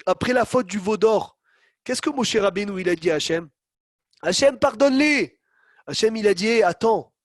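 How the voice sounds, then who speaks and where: Animated high-voiced man teaching Torah. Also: fairly quick, dry recording, studio quality. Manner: animated, calls on students by name, acts out quotes. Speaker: rabbi teaching a Torah class. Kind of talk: online Torah lesson.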